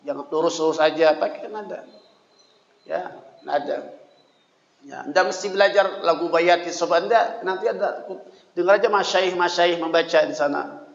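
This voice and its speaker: Brief: male religious teacher, high-pitched voice, conversational, often checks in with "ya", drifts into chanted verses, recorded in a big reverberant hall. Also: fairly quick, vocal fry. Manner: reads Arabic lines then explains them, chants verses in between; conversational, with frequent "ya" checks to the audience. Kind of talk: study-circle teaching. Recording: echoey hall with long reverb, dull lo-fi sound.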